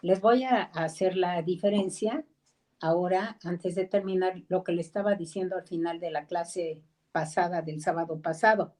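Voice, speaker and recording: A woman's voice: lowish voice, fairly even intonation, a little mellow, poor audio. Mexican woman teaching an online Bible class. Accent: Mexican Spanish. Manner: conversational, acts out quoted voices, pauses to ask people to mute. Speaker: discipleship teacher.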